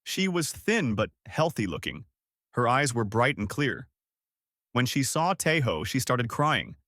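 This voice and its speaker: Male narrator for sci-fi audio fiction, animated delivery, dry close recording. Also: medium pitch, measured pace, dry recording. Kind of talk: scripted narration.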